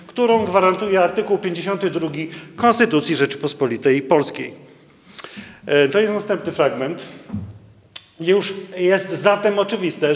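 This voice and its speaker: A middle-aged man with a high-pitched voice stands at a lectern in a conference hall, reading court rulings aloud into a stand microphone. His delivery is halting, full of fillers and restarts, and the hall's long reverb makes it echoey.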